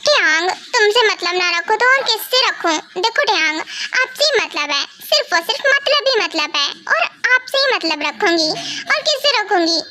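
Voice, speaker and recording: Lady doing a cheeky young wife for a fan dub, super high voice, bouncy and animated. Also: moderate pace, hardly any pauses, very noisy. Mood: teasing.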